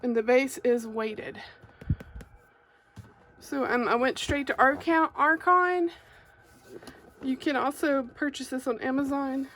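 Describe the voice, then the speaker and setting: A craft creator from Arkansas hosts an unboxing video, filmed on a phone clamped overhead. Her high voice has a flat, unhurried delivery with frequent pauses, and her Southern Arkansas accent comes through as she chats casually and a bit hesitantly. A faint hiss or hum sits under the recording.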